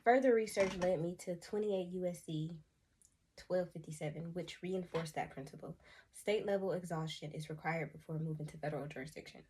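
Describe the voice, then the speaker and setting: A young American woman speaks earnestly to the camera, giving an emotional personal testimony, sighing often and calling her viewers y'all. Her voice sits on the low side and is mellow, her pace a little fast, with slight background noise.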